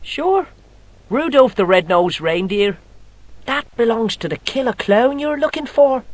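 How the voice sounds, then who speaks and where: A man's voice: very high voice, lively intonation, unhurried. A man voicing a cheeky, boastful Irish boy who tells tall tales in broad colloquial speech, with an Irish accent, in a video game.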